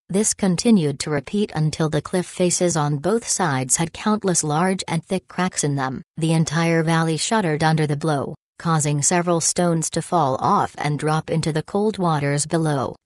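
A woman narrating a fantasy audiobook in a steady, even reading voice. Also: deep voice, dry recording, studio quality. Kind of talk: scripted narration.

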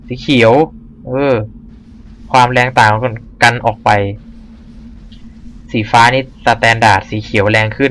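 A man casually commenting while playing a horror game, swearing freely and reacting loudly to scares. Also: mid-range voice, a little hiss or hum. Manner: talks to himself while exploring. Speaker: gamer. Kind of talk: let's play commentary.

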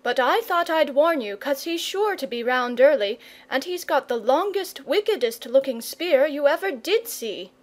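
A woman voicing an eager, excitable young boy who speaks with urgent enthusiasm. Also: high-pitched, moderate pace, hardly any pauses, pitched above the performer's own voice. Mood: teasing.

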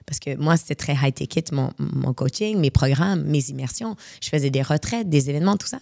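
A woman's voice: deep voice, brisk, vocal fry, dry recording, studio quality. A woman from Morocco, a coach, talking casually in an interview and dropping English words into her speech. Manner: mixes English words into French, animated. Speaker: guest speaker and coach.

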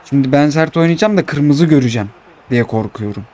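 Turkish-speaking gamer shouting play-by-play. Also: male voice, fairly high pitch, brisk, slight background noise. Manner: commentates his own play, bursts into excited shouts and complaints. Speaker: gaming YouTuber. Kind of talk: self-commentary on a football video game.

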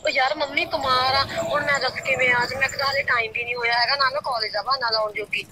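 A woman's voice: sits high, steady tone, fast talker, bright, forceful tone. A woman, playing a reluctant friend who grumbles before agreeing to help. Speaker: friend on the phone. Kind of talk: village family drama acting.

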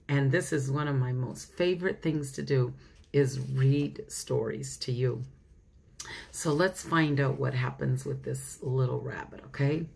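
A woman's voice: rumbling low, vocal fry, a little mellow, slightly rough. A woman pastor reading a children's storybook aloud, chatting straight to the children and laughing often.

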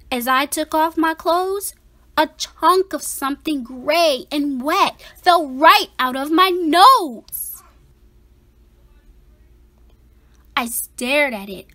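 In an expressive picture-book read-aloud, a woman voices an anxious, dramatic five-year-old boy with emphatic, theatrical delivery. Her high-pitched performance is heavily acted, sounding amazed and alarmed.

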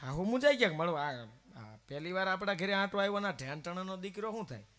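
A high-pitched, bright-voiced man tells comic stories from a live temple stage. He moves fast between narration and playful impressions of the people in his tales. His delivery is lively, with a folksy storyteller's pull. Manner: animated comic storytelling, acting out quoted voices. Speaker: folk singer telling jokes between songs.

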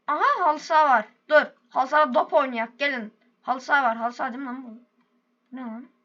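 High, bright, excitable woman gamer. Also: highs cut off. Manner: loud, excitable, quick exclamations and rough slang. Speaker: gaming video host. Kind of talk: excitable gameplay commentary.

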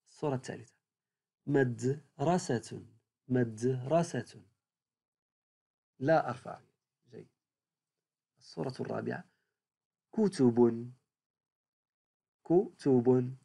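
Husky primary teacher with a gravelly edge, drawn-out pace, encouraging drill style for a reading lesson. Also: medium pitch, lively intonation. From Morocco. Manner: slow, repeats words, praises each answer. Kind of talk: recorded reading lesson for young pupils.

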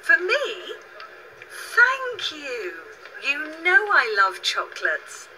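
A woman's voice: high voice, wildly swooping pitch, extremely slow, sharp tone, a little hiss or hum, heavily acted, low-quality recording. A woman voicing a kindly mother in a scripted children's language-course cartoon. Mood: delighted.

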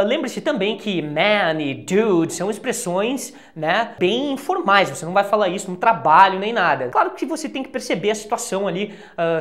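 A woman from Brazil with a Brazilian Portuguese accent, an English teacher giving a casual lesson to camera and slowing down to spell out English example phrases. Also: mid-range voice.

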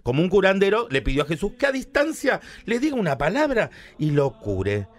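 A man's voice: high-pitched, wildly swooping pitch, a little fast. A man with a Rioplatense accent telling a Bible story as radio comedy, flamboyant and theatrical, breaking into shrieking character voices. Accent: Rioplatense Spanish. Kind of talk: comic retelling of a Bible story.

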